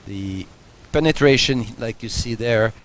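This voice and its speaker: Speaking unhurriedly at medium pitch, a man runs a welding channel from his home garage workshop, casually showing and explaining his work. He's matter-of-fact, thinking aloud with frequent fillers and restarts, and there's a little hiss or hum.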